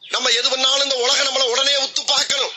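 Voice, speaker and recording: A man's voice: very high-pitched, monotone, quick pace, very noisy. A man delivering swaggering comic film lines. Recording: loud music under the voice.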